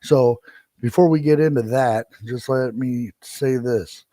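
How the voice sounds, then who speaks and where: A middle-aged podcast host goes on an angry, swear-filled solo rant, repeating himself as he fumes. He speaks a little slowly in a medium-pitched, dark voice, and the studio recording is clean and dry.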